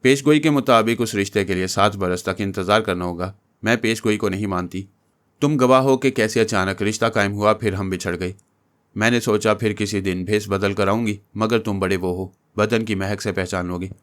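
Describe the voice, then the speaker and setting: A man narrating an Urdu novel aloud in a deep, steady storytelling voice. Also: moderate pace. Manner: deep, steady storytelling voice reading all parts.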